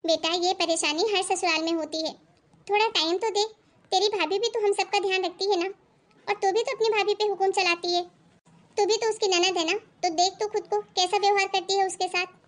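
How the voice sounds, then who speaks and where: A woman voicing a stern but caring middle-aged mother in an animated family story, who lectures and scolds. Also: very high-pitched, fairly quick. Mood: scolding. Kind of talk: animated cartoon voice acting.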